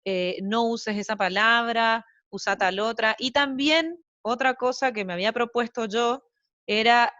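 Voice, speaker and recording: This Argentine translator, a mother of young kids somewhere between young adult and middle age, chats loosely as an interview guest, wandering through asides and fillers. Her mid-range voice is a bit bright. The recording has no room sound and its high frequencies are cut off.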